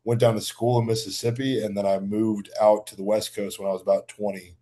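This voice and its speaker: Low, flat-voiced young man. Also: fairly quick. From Baltimore, Maryland. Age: 20s. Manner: laid-back, slangy, rambling with restarts. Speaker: guest bodybuilder. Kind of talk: casual podcast chat.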